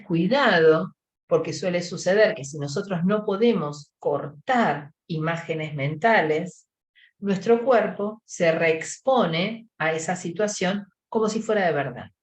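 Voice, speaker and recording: A woman with a Rioplatense Spanish accent giving a lecture to professionals, lively, acting out little everyday scenes in other voices. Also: lowish voice, a little slow, reverberant. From Argentina. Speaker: psychologist lecturer.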